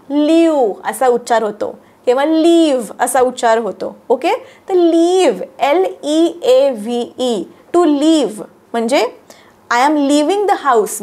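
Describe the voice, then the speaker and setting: A woman with a Marathi accent teaching English, repeating each sentence slowly and carefully. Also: fairly high pitch, darkish tone. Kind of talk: language lesson, reading sentences slowly.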